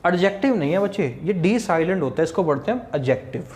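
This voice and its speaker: A man's voice: on the high side, lively intonation, fast, darkish tone. Chatty Indian man teaching English grammar. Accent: Haryanvi Hindi. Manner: chatty, addresses students as "bachche", repeats "theek hai". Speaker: English teacher for exam prep. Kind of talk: classroom lecture in Hindi with English terms. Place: classroom at a whiteboard.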